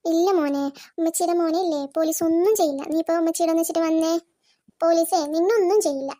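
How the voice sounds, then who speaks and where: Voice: extremely high pitch, steady tone, quick pace, warm tone. A firm, scolding cartoon mother. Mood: firm, reassuring. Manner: firm, scolding, then soothing. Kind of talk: cartoon voice acting.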